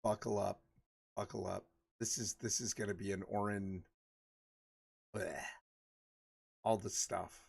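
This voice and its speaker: A man's voice: on the low side, fairly even intonation, a little slow, creaky, pauses often, a little mellow, slightly rough. A man in his forties chatting casually with his livestream viewers, rambling and laughing often. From Michigan. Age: 40s. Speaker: livestream host.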